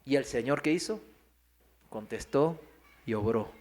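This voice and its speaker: A man's voice: medium pitch, measured pace, darkish tone. A man, a pastor giving a sermon testimony, telling a story and acting out the people he quotes while asking the congregation questions. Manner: storytelling, acts out quoted voices, asks the congregation. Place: church hall.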